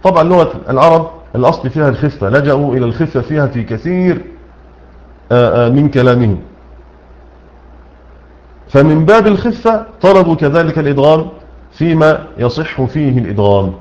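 A man's voice: on the high side, lively intonation, a little mellow, muffled recording. A man with an Egyptian accent teaching Quran recitation rules, explaining a poem line by line, asking questions and answering them himself. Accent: Egyptian Arabic. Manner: asks questions and answers them himself, repeats key words, recites slowly.

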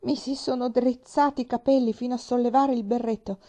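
A woman reading an audiobook, voicing a steady, protective pioneer father who sometimes raises his voice. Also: a little high, brisk, voice pushed up, lightly acted.

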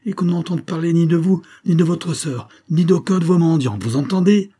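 A man's voice: medium pitch, normal speed, slightly rough, pitched above the performer's own voice, natural voice. A man doing a raging haughty baronet. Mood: furious. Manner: shouting angry commands. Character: furious proud baronet, quick-tempered nobleman.

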